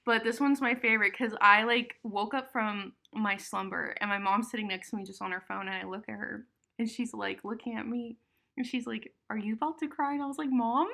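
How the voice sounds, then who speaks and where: A woman's voice: medium pitch, brisk, gravelly. A young adult woman co-hosting a podcast in casual chat, telling stories animatedly and acting out the quotes. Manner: animated storyteller, acts out quotes. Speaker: podcast co-host.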